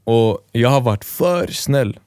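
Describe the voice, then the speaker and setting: A man's voice: medium pitch, animated, a little mellow, clear, resonant tone, no echo, studio quality. A man co-hosting a podcast, casually telling a long story and acting out both sides of the dialogue. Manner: rambling storyteller, acts out quoted dialogue. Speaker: podcast co-host. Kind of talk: casual chat.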